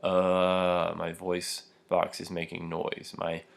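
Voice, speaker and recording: In a slow, monotone low voice with vocal fry, a young adult language teacher explains pronunciation step by step. He demonstrates throat sounds, often using fillers and letting out small laughs.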